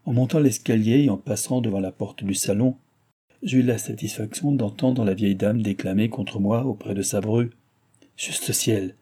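Dark, husky male audiobook narrator. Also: on the low side. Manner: measured, literary, steady. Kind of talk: audiobook reading of a classic novel.

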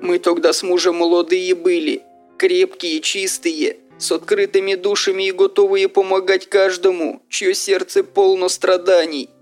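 A man voicing a fretful, pious old village widow who laments in drawn-out, folksy sighs, with faint music behind. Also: high voice, level tone, voice pushed up, close to an everyday voice. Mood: reminiscing. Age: older.

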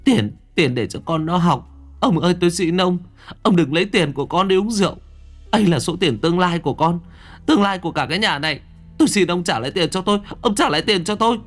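A man's voice: very animated, fairly quick, darkish tone, faint music behind. A man voicing a poor, beaten middle-aged mother who pleads tearfully in a raised, strained voice. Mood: pleading. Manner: tearful, begging, high strained pitch.

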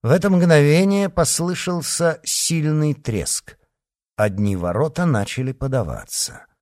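A man narrating an audiobook in an expressive, dramatic way. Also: a little high, measured pace, dry recording, studio quality.

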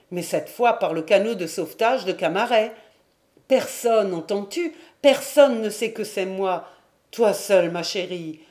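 A woman voicing a weathered young sailor home from a shipwreck, speaking low and pleading. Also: darkish tone, close to an everyday voice. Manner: lowered voice, pleading.

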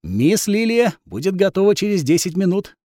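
A man voicing a smooth brothel madam. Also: high voice, sing-song, normal speed, dark tone, no echo, studio quality, pitched above the performer's own voice. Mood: coaxing. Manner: coaxing, polite, firm when needed. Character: smooth flirtatious middle-aged brothel madam, woman.

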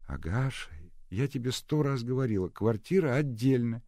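A man's voice: normal speed, no echo, studio quality, natural voice. A man voicing an eager, earnest young woman in a read-aloud story, lifting his voice. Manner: raised pitch, lively.

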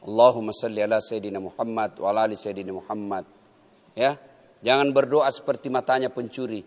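A middle-aged male preacher giving a lively sermon, asking rhetorical questions, acting out little exchanges and slowly chanting prayers. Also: mid-range voice. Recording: echoey hall with long reverb.

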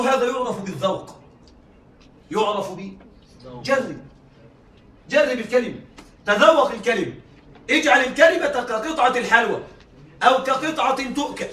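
Guy teaching a class, really high voice, echoey room, mic far off. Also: pushed and bright, a little hiss or hum. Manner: engaging, keeps checking students follow. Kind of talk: classroom lecture.

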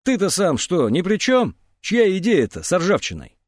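A man voicing a gruff blustering young mechanic. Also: sits high, huge pitch swings, normal speed, dry recording, studio quality, voice pushed up, full character voice.

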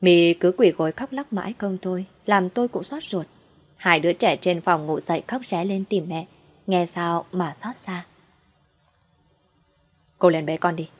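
Woman narrator, dramatic storytelling, low-pitched, first-person audio story. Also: moderate pace, slightly rough. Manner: dramatic, voices the husband as narrator.

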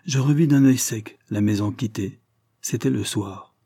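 A man giving a solemn, measured, expressive dramatic reading of a literary text. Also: medium pitch, creaky, breathy edge. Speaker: reader.

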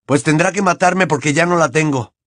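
A man voicing a defiant teenage boy wizard in an audiobook, shouting and taunting. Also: on the high side, unhurried, no room sound, pitched above the performer's own voice, lightly acted. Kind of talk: audiobook character voice.

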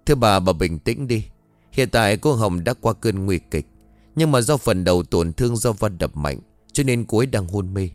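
A calm, measured hospital doctor, read by a male storyteller in a low voice. The audio is dry and close, with faint music underneath. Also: no room sound, close to an everyday voice. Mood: calm, professional.

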